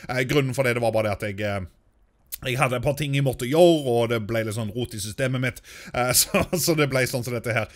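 A Norwegian man chatting casually through a let's-play, talking to his game characters and getting excitable. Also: mid-range voice. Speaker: gaming YouTuber.

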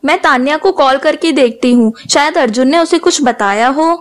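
Young woman playing a bold blunt friend, high voice, light background hiss. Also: moderate pace, close to an everyday voice. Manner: brash, confrontational. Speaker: young woman in amateur film. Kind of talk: amateur film acting.

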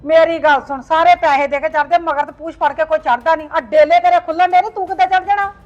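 A woman playing a sharp-tongued village mother who scolds her son, in a family drama. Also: on the high side, a little fast, very echoey, distant mic, natural voice. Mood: scolding. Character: scolding middle-aged Punjabi village mother. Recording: dull lo-fi with faint music.

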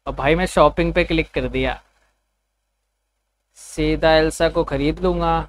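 A man livestreaming and bantering with his chat, with a sore, hoarse throat and a teasing, foul-mouthed manner. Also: fairly high pitch, steady tone, a little hiss or hum. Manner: teasing, swears freely, quick comebacks. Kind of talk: casual live stream banter.

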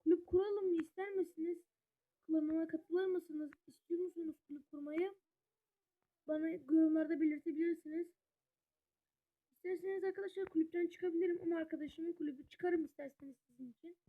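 A gaming YouTuber giving casual gameplay commentary, chatty and excitable, constantly talking straight to the viewers as friends. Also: extremely high pitch, brisk, phone-quality sound. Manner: excitable, reacting out loud to the match.

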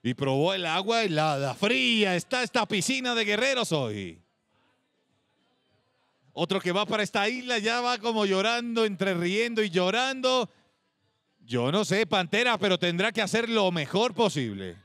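A man hosting a competition show, commenting in an animated, exclaiming way. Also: high-pitched, moderate pace, no echo, faint music behind. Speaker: host.

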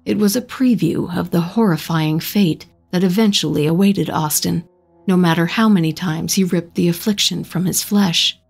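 A woman narrating a horror short story in a slow, measured storytelling manner. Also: on the low side, vocal fry, slightly rough, soft background music.

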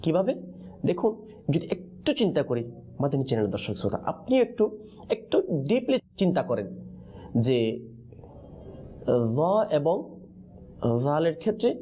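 A man leads a Quran pronunciation class, his pitch lively and swinging high and low as he drills letter sounds. His tone is mellow and soft. He calls out a question and waits for the students to finish it. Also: moderate pace, long pauses, breathy edge. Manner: call-and-response teaching, prompting answers with questions. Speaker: Quran recitation teacher.

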